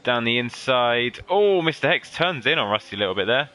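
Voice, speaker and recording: A man commentating an online racing league, joking with his co-commentator and getting excited at overtakes. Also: mid-range voice, a little fast, faint music behind. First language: English. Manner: lively, playful banter, excited at overtakes. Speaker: race commentator.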